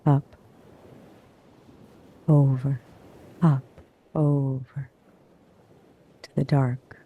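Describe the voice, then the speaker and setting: A man narrating a guided sleep hypnosis in a hushed, soothing manner, in drawn-out phrases with long pauses. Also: mid-range voice, little pitch movement, husky, narrow, tinny audio.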